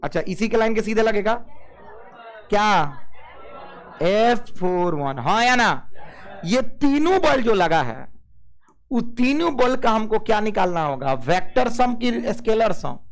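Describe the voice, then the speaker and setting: High-voiced physics teacher. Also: male voice, very animated, measured pace, long pauses. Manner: keeps asking the class "yes or no?" and calling students "babu"; mixes English physics terms into Hindi. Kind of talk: classroom lecture.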